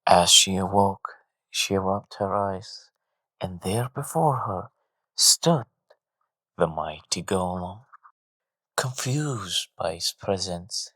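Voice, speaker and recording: Sex: man. Role: storyteller. Style: scripted narration, solemn and measured. Pitch: low. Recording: dry, close. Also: animated, sharp tone, no room sound.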